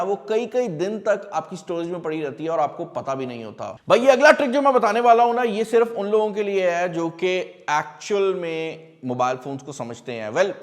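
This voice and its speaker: Male tech host, chatty and direct, slightly high voice, hall echo. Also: darkish tone. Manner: chatty, addresses viewers directly, explains with everyday examples. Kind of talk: casual explainer talk. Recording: long hall reverb.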